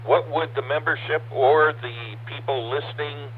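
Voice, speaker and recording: A man's voice: fairly high pitch, steady tone, moderate pace. A man chatting on an amateur radio net, hesitant and full of fillers, heard over a two-way radio link with static. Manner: hesitant, filler-heavy, says "so to speak". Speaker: ham radio net participant. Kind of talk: casual on-air chat. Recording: tinny radio transmission with faint static.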